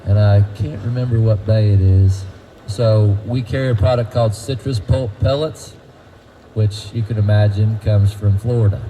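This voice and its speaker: A man's voice: lowish voice, fairly even intonation, moderate pace, dark tone, a little hiss or hum, low-quality recording. Folksy man leading a tour. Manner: folksy, quizzes the crowd. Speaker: tour guide at a feed mill. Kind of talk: guided tour talk to a group.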